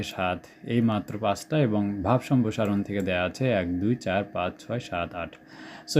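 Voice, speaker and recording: A man's voice: on the low side, a little mellow, slight background noise. A young man with a Bangladeshi Bengali accent, talking students through exam prep questions and checking in often. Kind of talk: screen-share exam suggestion walkthrough.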